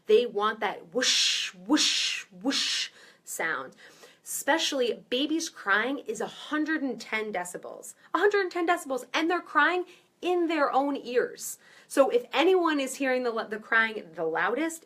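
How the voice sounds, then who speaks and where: A woman's voice: high-pitched, expressive, measured pace, fairly bright tone. A woman in her thirties, a maternity nurse, teaching parents in a loose, chatty live-stream way with many fillers and restarts. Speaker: maternity nurse giving baby-soothing tips.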